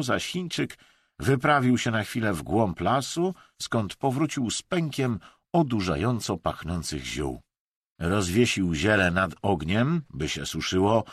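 A man narrating an audiobook in an expressive, measured way. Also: fairly low pitch, slightly rough, no room sound, clean studio sound.

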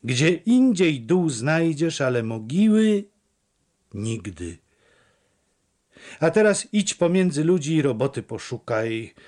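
A man's voice: on the high side, a little mellow, voice pushed up. A man voicing a stern, pious old village mother who gives solemn warnings. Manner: solemn, admonishing.

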